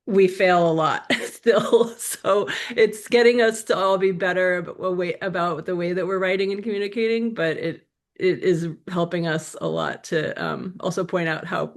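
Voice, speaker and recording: A woman speaking as a guest in a casual interview, chatty and full of little fillers. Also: mid-range voice.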